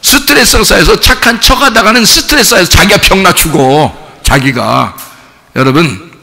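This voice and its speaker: A male pastor preaching a sermon to his congregation in a lively, conversational way, often asking them questions. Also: high-pitched, normal speed, creaky, long reverb tail. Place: church sanctuary.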